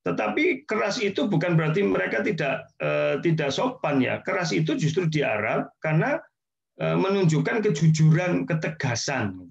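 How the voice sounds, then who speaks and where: A man giving a relaxed religious lecture, explaining points repetition and friendly asides. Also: on the high side, moderate pace, vocal fry. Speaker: Islamic teacher. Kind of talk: casual sermon lecture. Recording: dull lo-fi sound.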